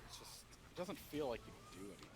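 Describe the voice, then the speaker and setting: A man's voice: medium pitch, very animated, fast. A man chatting casually while gaming, rambling and swearing freely. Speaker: gamer.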